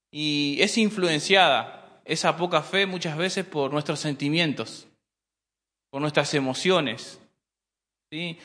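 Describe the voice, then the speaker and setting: A man preaching a sermon, addressing the congregation as brothers and often pausing on rhetorical questions. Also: on the high side, sharp tone. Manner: repeats and restarts phrases while preaching. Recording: hall reverb.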